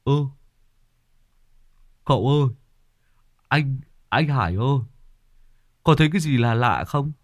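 A man voicing a brash, boastful young male driver in a storybook reading, with an excitable, stammering way of talking. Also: mid-range voice, measured pace, long pauses, no echo, pitched above the performer's own voice, natural voice. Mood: sheepish.

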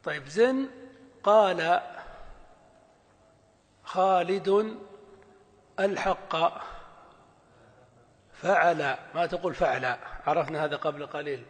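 A man with a high-set voice teaches Arabic morphology. He questions his listeners and answers for them, taking on a student's objection now and then and drawing out words slowly. The recording carries a long hall reverb. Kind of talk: lecture.

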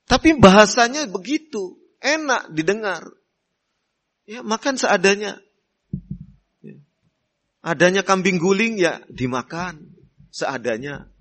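Man preaching a sermon, kinda high voice, real slow and deliberate, lots of "ya". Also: animated. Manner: slow, deliberate teaching with frequent "ya" fillers; acts out polite hosts in soft voice. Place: Islamic boarding school hall.

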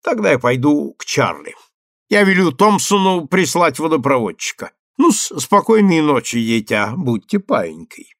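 A man's voice: a little high, very animated, measured pace, no room sound, clean studio sound, pitched above the performer's own voice, exaggerated voice. A man reading an audiobook, voicing a jovial middle-aged theatre producer with a gushing, jolly manner.

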